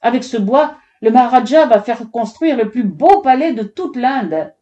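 A woman's voice: on the high side, lively intonation, normal speed, mellow, lo-fi sound, voice pushed up, lightly acted. A woman reading a storybook, voicing a scornful male chief of woodcutters who barks orders. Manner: barking, dismissive.

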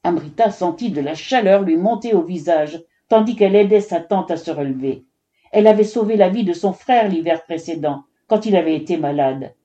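A woman's voice: lowish voice, moderate pace, dark tone, dull audio. A woman narrating a children's story expressively, giving each character a voice.

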